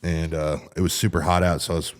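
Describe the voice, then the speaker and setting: A man's voice: low voice, level tone, quick pace. A male podcast host telling crude stories in casual chat, swearing freely. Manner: rowdy storyteller, swears freely.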